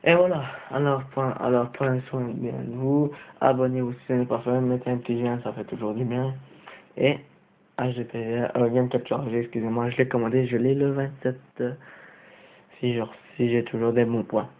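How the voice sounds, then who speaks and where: A man's voice: mid-range voice, level tone, normal speed. A young man from Belgium with a Belgian French accent, giving a rambling, hesitant tour in a casual vlog, full of fillers. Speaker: vlogger. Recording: tinny lo-fi phone-like audio with hiss.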